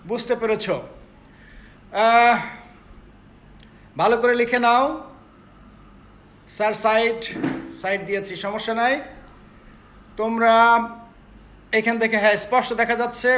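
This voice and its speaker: Man teaching a class, very high voice, step-by-step explaining, echoey room from far off. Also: level tone, unhurried, long pauses, fairly bright tone. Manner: explains step by step, often checks understanding. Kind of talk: classroom lecture on pronunciation.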